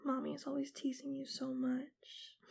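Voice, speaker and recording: Whispered ASMR roleplay; woman, slow, husky-creaky, teasing, lips close to the mic. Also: sits high, monotone, darkish tone. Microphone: close mic, right at the ear.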